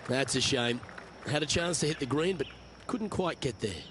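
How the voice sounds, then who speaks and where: A man working as a golf commentator, calling shots in measured, understated sportscaster remarks for a video game. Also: medium pitch, animated, fairly bright tone, slight background noise, natural voice. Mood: measured, encouraging. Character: polished male golf commentator calling each shot. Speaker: golf commentator, lead announcer.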